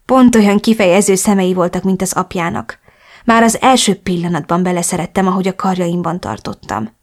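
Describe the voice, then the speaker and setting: A woman narrating a novel in the first person, reading expressively and with emotion. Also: fairly low pitch. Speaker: audiobook narrator.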